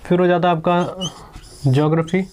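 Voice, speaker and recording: A man's voice: high voice, fairly even intonation, darkish tone, a little hiss or hum. A man teaching exam strategy in a casual, chatty lecture, often checking in with his students. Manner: quick, chatty, keeps saying "ठीक है".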